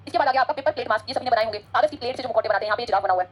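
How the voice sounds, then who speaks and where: Teacher, female, rapid-fire exam-prep lecturing, a little husky, pitched slightly high. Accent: Hindi-English code-switching. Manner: fast, chatty, switches between Hindi and English.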